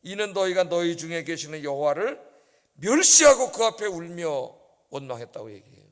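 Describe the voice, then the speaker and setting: A male pastor preaching a dawn service sermon, animated and often putting rhetorical questions to the congregation. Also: high-pitched. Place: church sanctuary. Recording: church hall reverb.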